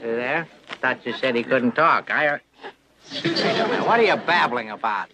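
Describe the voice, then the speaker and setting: An actor playing a bossy, blustering navy captain who barks orders, on a hissy old TV soundtrack. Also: male voice, mid-range voice, expressive, a little slow, a crowd in the background, close to an everyday voice. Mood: irate.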